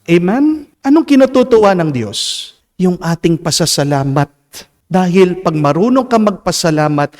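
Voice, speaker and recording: A Filipino man, a priest with a Filipino accent, delivers a homily in a large church whose long reverb trails after each phrase. His voice sits fairly high and leaps widely in pitch, dropping to soft, low asides before rising to emphatic peaks. He speaks slowly and deliberately, often turning to the congregation with "Amen?". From Philippines. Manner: mixes English and Tagalog, asks the congregation "Amen?". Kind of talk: homily at Mass.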